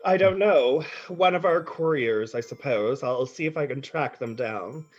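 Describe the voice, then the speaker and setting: A man's voice: medium pitch, measured pace, dull audio, faint music behind, lightly acted. Man voicing a stern, cold official woman. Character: stern female consortium official.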